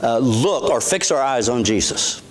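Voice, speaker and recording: A man's voice: mid-range voice, animated, unhurried, a little hiss or hum. A middle-aged man, a pastor giving a sermon in a church sanctuary on a lapel mic, speaking earnestly in a conversational way with frequent restarts.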